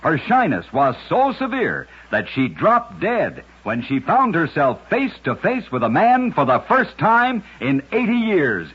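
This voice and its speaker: Reading scripted short stories for a radio show, a man narrates oddities at a measured pace with few pauses. His higher, slightly rough voice swings hugely in pitch, and his dramatic, emphatic delivery is preserved on a dull lo-fi old radio recording.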